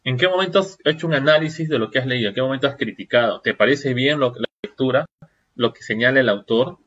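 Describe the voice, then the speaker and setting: A man's voice: mid-range voice, quick pace, fairly bright tone, lo-fi sound. A man giving a seminar lecture, firing off rhetorical questions and checking in with the audience. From Peru.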